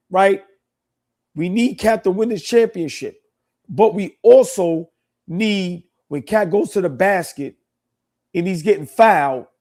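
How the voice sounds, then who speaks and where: Man, high voice, emphatic sports co-host, rhetorical questions. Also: darkish tone. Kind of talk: casual sports chat.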